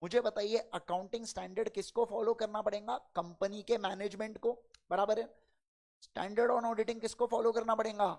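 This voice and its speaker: A man lecturing an accounting class, firing quick questions at his students and addressing them in a fatherly way. He is a little unwell and talks slower than usual. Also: sits high, steady tone, a little mellow. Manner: quizzes the class with quick call-and-response questions; fatherly, calls students "beta". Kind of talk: classroom lecture in Hindi and English.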